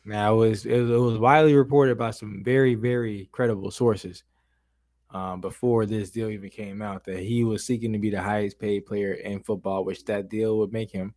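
A man's voice: fairly low pitch, fairly even intonation, normal speed, a little mellow, no echo. A man co-hosting a sports talk show with casual, slangy banter and repeated phrases.

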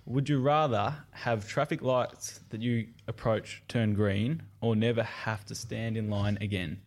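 An Australian man with a slightly low voice co-hosts a casual interview. He puts conversational questions to the guests. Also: steady tone, a little slow. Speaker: podcast co-host.

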